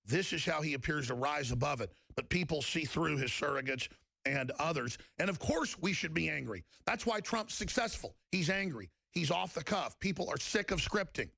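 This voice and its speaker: A man hosting a talk radio show, delivering a fiery monologue in an emphatic, rapid style that rises toward near-shouts. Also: a little high, lively intonation, vocal fry, husky, no echo.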